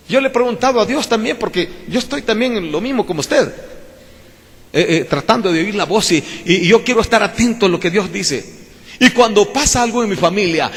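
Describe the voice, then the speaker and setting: A male pastor preaching a sermon at a church service, emphatic, swinging between loud exclamations and quiet asides. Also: high-pitched. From Mexico. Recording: long hall reverb.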